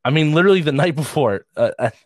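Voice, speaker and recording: A man's voice: a little high, lively intonation, fast, dry recording. A man, a comedian, telling rambling, self-deprecating stories in a casual podcast chat. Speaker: comedian guest.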